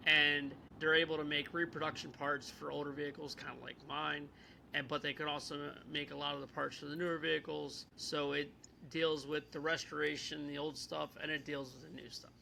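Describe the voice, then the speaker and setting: A man's voice: a little high, level tone, brisk, gravelly, pushed and bright, a little hiss or hum, poor audio. A man co-hosting a podcast, explaining things in a rambling casual way, laughing often and losing his place. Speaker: podcast co-host. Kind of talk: casual chat.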